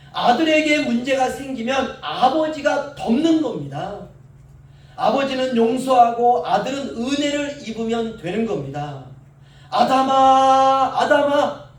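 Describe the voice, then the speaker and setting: Guy pastor preaching, goes soft then loud and stretched out, echoey church, mic kinda far off. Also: very high-pitched. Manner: swings between soft asides and loud drawn-out calls. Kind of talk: sermon. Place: church sanctuary.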